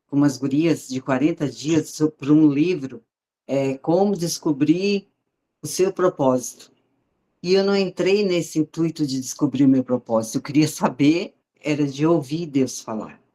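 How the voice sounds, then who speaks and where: Woman, deep-ish voice, heartfelt testimony, talks right to the crowd like a friend. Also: normal speed, dark tone. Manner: heartfelt, conversational storytelling, addresses listeners directly. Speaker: testimony speaker. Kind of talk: personal faith testimony.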